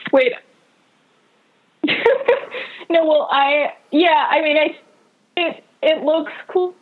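Giggly woman, pretty high voice, on a bad video call, audio muffled and cutting out. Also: fairly even intonation, very slow. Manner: giggly, loose and rambling. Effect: choppy, breaking-up video call connection. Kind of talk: casual chat.

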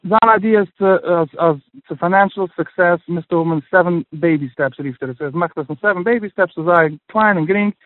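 Male interview guest, higher-pitched, hesitant with lots of restarts and English mixed in, phone-line quality. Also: no echo. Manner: halting, many restarts, mixes in English phrases. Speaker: guest sharing his personal budgeting story. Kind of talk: casual interview chat.

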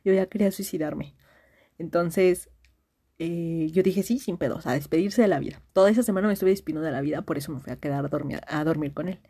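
A husky, low-pitched Mexican woman in her twenties spills a long story to a friend in a voice message. Her tone is mellow and warm. She rambles in slang, restarting her sentences and piling on fillers. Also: fast talker. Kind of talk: casual confiding story.

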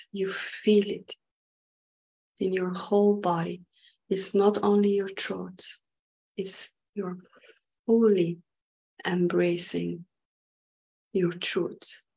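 In short, halting phrases, a woman guides an unscripted meditation, her breathy voice at times dropping close to a whisper. Her pitch is medium and her tone somewhat dark, though the audio quality is poor.

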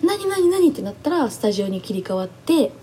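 A young woman chatting excitedly as she recaps a reality show, animated and acting out what people said. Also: mid-range voice, quick pace, slight background noise. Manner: gushing, animated, acts out quotes. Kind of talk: excited casual recap chat.

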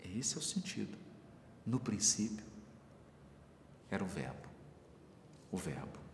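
This Bible study teacher has a deep, creaky voice with a sing-song lilt and a slightly slow pace. Recorded in an echoey hall with faint room noise, he gives a spiritual teaching talk, drawing on everyday examples and asking his listeners questions.

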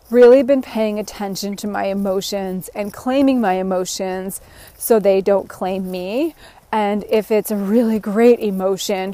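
A woman talking into her phone while walking a trail outdoors, reflecting earnestly and laughing softly now and then. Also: mid-range voice, dry recording. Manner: earnest, musing, with frequent soft laughs. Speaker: podcast host. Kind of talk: reflective walk-and-talk monologue. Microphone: phone held while walking.

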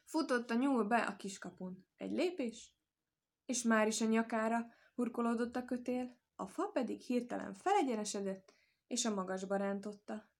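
Woman calmly reading a folk tale. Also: fairly high pitch. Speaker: storyteller.

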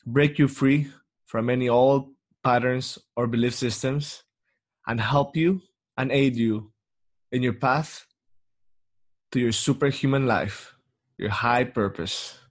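A young Mexican man hosts a solo podcast, speaking in a medium-pitched voice with fairly even intonation. His monologue is slow and reflective, full of pauses and ums.

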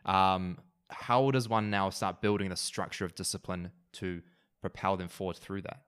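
A man's voice: low voice, fairly even intonation, moderate pace, a bit bright, clean tone, no room sound, clean studio sound. A man with a New Zealand accent hosting a podcast in an informal, conversational way. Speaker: podcast host. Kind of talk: casual podcast introduction and interviewing.

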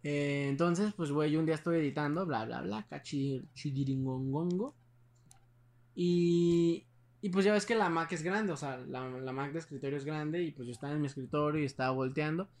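A man's voice: on the high side, fairly quick, darkish tone. A young man with a Mexican Spanish accent, casually telling a ghost story in a rambling, slangy way with many restarts.

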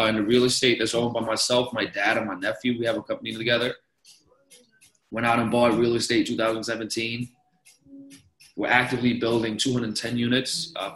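A young man from Denmark, guesting on a podcast about investing, has a mid-range, slightly bright voice. His casual interview talk rambles with many restarts and repeated words, and the poor audio is reverberant.

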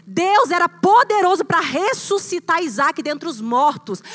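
High, bright-voiced woman preaching. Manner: animated preaching, addressing the congregation as "irmão". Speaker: pastor. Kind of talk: sermon. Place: church service held in a cinema.

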